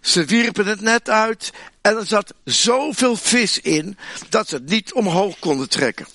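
A man preaching a sermon in a chatty, humorous way, with asides to the listeners, animated and with many restarts. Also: high voice, measured pace, no echo. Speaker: pastor.

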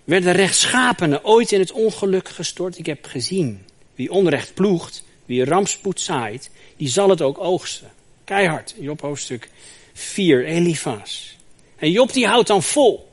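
A man preaching a sermon in a lively, emphatic way, asking the congregation rhetorical questions. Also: high-pitched, unhurried. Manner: lively and emphatic, with rhetorical questions and a recurring "zeg maar" filler.

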